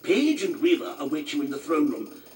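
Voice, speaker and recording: An actor playing a courteous, formal royal adviser in a video game, speaking in a measured theatrical way. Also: male voice, a little high, huge pitch swings, a little mellow. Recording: distant game audio, background noise.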